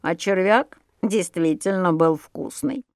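A woman's voice: fairly low pitch, lively intonation, slow, dry recording, clean studio sound. A woman voicing a sly, teasing ruff fish. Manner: sly, teasing, making excuses.

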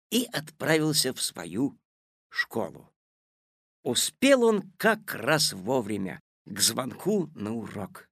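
A man reading a children's tale aloud as narrator, with expressive storytelling on a close studio mic. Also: on the high side, dry recording. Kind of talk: audiobook narration.

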